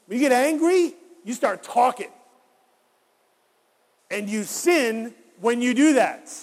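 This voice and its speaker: A pastor with a notably high, creaky voice preaches slowly, with lively intonation, and his words ring with long reverb through a large church hall. He speaks conversationally to the congregation, repeatedly asking them rhetorical questions.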